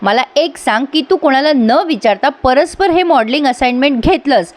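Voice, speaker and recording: A woman reading the lines of a quick-tempered young woman in a TV serial recap, scolding and arguing. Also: sits high, lively intonation. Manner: scolding, argumentative. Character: young woman, sharp-tongued, quick to anger.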